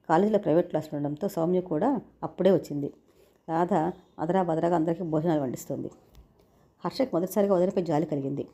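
A woman narrating a family story in a brisk, steady manner. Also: on the low side, husky.

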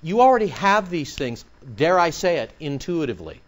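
A male pastor preaching a sermon in an animated way, throwing out sarcastic rhetorical questions. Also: on the high side, normal speed.

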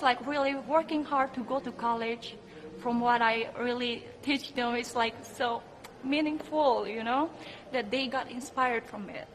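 A pageant contestant in her twenties gives earnest, emphatic interview answers in non-native English with an Indonesian accent. Her voice is fairly high and fairly bright, recorded against an indoor press backdrop at the event with clearly noisy room ambience.

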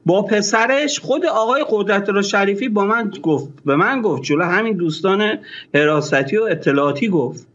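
A man being interviewed as a former newspaper editor, recounting events in an animated way, often restarting his sentences mid-thought. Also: sits high, highs cut off. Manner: excited, quick recounting with many restarts.

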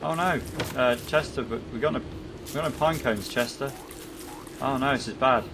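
A man giving jokey let's-play commentary, chatting to his in-game pet and swinging from bragging excitement to comic panic. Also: medium pitch, normal speed, background noise. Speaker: gaming YouTuber.

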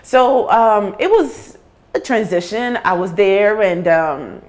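A woman's voice: mid-range voice, animated, slow pace. A young woman from Africa, a guest in an interview, recounting her childhood candidly in a reflective, conversational way full of casual fillers. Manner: reflective, conversational, frequent "like" and "you know" fillers. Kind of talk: candid personal storytelling.

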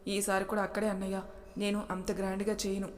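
A woman voicing a patient, gentle young wife and mother who speaks calmly and softly, with a long reverb. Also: medium pitch, fast talker, natural voice.

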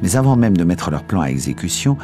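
A man narrating a classic novel in a measured storytelling voice over faint music. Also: low voice, very animated, warm tone. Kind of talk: scripted literary narration.

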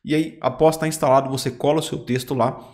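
A man with a Brazilian Portuguese accent hosting a software tutorial, chatting straight to the viewer and pointing out each step. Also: mid-range voice, fairly even intonation, fast talker. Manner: chatty, addresses viewer directly, pointing things out. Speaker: YouTube tutorial host. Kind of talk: screen-recorded software tutorial.

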